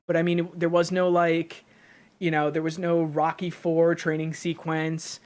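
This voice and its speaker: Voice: medium pitch, monotone, unhurried, a little mellow. A podcast host giving solo commentary, rambling and thinking aloud while working through theories.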